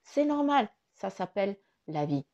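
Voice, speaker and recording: A woman chats her way through a spiritual card reading, loose and informal and quick to curse. Her voice sits at an ordinary middle pitch and often sinks into quiet murmurs. The recording sounds dull and a little lo-fi. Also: very animated, slight background noise. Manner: chatty, swears casually, drops to murmurs. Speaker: card reader.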